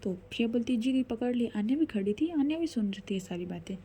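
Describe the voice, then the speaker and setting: Brief: conversational woman narrator, warm dark tone, self-correcting. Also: medium pitch, animated, fast talker, a little hiss or hum. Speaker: storyteller. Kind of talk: casual story narration.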